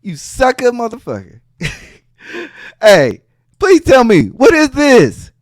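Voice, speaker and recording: High-voiced mocking man, dry close sound. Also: takes it slowly, no echo. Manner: animated, profane, mocking. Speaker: podcast host. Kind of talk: heated casual commentary.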